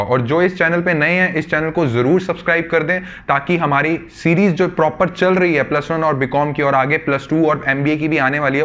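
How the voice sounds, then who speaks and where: A man teaching commerce students, speaking to them as children, repeating key words slowly and answering his own questions in the students' voice. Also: fairly high pitch, fairly bright tone, lo-fi sound. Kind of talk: classroom lecture.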